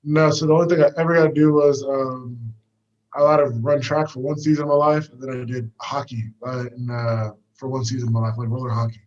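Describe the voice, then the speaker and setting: Young american guy rambling fast on a walk, lots of uh and like, kinda dull sound. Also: mid-range voice, little pitch movement, darkish tone. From United States. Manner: easygoing, rambling with many fillers. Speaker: guest, fighter. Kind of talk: casual storytelling interview. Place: walking outdoors.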